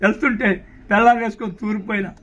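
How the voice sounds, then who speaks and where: A man's voice: high voice, fairly even intonation, quick pace, sharp tone, highs cut off. A middle-aged man, a pastor earnestly telling his life story in an interview. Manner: earnest storytelling, acting out prayers and God's words. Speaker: pastor giving his testimony. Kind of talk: spoken testimony in an interview.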